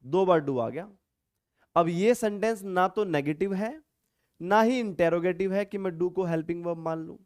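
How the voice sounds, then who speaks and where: A man with a high voice teaches English grammar to the camera, going step by step and stopping to ask the viewer questions. He acts out insistent, emphatic replies to show how the words are stressed. The sound is dry and close, with no room around it. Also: normal speed, clear, resonant tone, no echo. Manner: explains step by step, asking the viewer rhetorical questions. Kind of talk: classroom-style grammar lesson.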